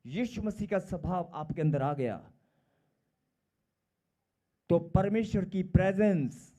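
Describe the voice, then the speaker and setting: A middle-aged man preaching a sermon, emphatic and repetitive, swinging between loud calls and quiet asides. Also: sits high, muffled recording.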